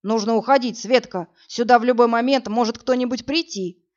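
A woman voicing a cocky, brusque burly man who talks in a hurried, mocking way. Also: on the high side, natural voice. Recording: dull lo-fi audio, faint music.

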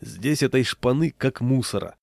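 A man voicing a burly, gruff street patrolman with a hoarse voice and a stern, mocking manner. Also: medium pitch, animated, moderate pace, a little mellow, no room sound.

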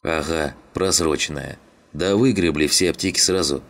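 A streetwise young survivor who pokes and teases his friend, as a man reads him. Casual and slangy, close to the reader's own very deep voice. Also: normal speed, a bit bright, slight background noise. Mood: teasing. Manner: teasing, nosy.

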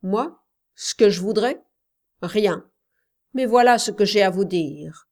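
A woman voicing a stubborn coal miner who speaks slowly, harshly and heavily. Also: mid-range voice, darkish tone. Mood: grim. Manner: slow, harsh, heavy.

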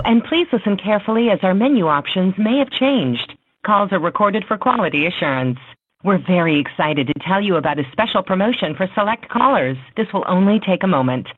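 A woman's voice: mid-range voice, husky, dry recording. A woman's recorded automated phone message, reading a scripted telemarketing prompt in a polite, upbeat sales manner over a phone line. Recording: tinny phone line with faint hiss.

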